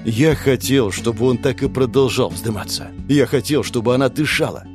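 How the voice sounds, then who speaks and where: A man's voice: mid-range voice, normal speed, over music. A man reading a first-person story aloud in an intense, dramatic narration.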